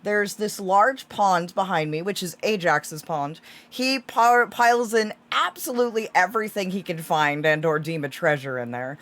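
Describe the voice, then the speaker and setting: A woman's voice: lowish voice, normal speed, hardly any pauses, a bit bright. A woman hosting a casual livestream in character as a fae, chatting in an affectionate, theatrical, giggly way. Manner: affectionate, addresses listeners as darlings. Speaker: livestream host.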